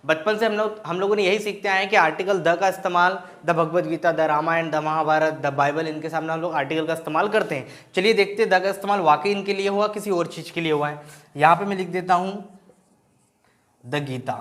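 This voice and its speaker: A man's voice: on the high side, fairly even intonation, fairly quick, fairly bright tone. A man teaching grammar in Hindi, asking and answering his own questions and often checking in with "right?". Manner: explains in Hindi mixed with English terms, asks and answers his own questions. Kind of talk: classroom-style grammar lesson.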